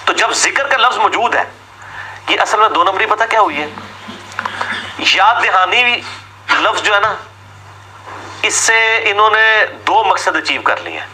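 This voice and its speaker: Man, religious lecturer, high voice, very sharp and forceful, sarcastic rhetorical questions. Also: big pitch swings, slight background noise, low-quality recording. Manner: sarcastic, rhetorical questions, mock-quoting opponents. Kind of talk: argumentative religious talk.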